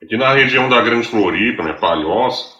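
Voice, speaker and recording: A man in his forties from southern Brazil, a podcast guest talking in a relaxed, joking way and often ending phrases with a tag question. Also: medium pitch, moderate pace, roomy sound, lo-fi sound. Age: 40s. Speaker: speaker and writer, podcast guest. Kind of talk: casual conversation.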